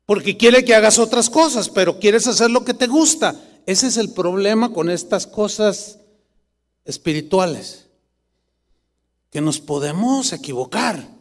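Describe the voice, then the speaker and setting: High-voiced guy preaching, fired up, big echoey church. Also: measured pace. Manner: animated preaching, rising to emphatic bursts. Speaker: pastor. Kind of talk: sermon. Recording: long church reverb.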